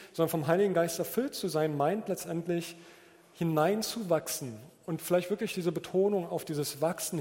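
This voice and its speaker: A man's voice: a little high, mellow. A man preaching a sermon in an informal, explanatory manner, using an everyday object as an illustration. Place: church hall. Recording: reverberant church hall.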